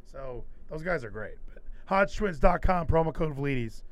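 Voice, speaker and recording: A man with a slightly high, very lively voice hosts a casual comedy commentary show. He rants sarcastically, with big swings in intonation. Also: measured pace, no echo. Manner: animated, sarcastic ranting. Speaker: podcast host.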